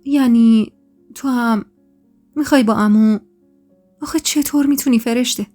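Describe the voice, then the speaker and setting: A woman voicing an anxious young woman who urgently pleads with her friend, in a raised voice, over soft background music. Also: fairly high pitch, natural voice. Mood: stunned.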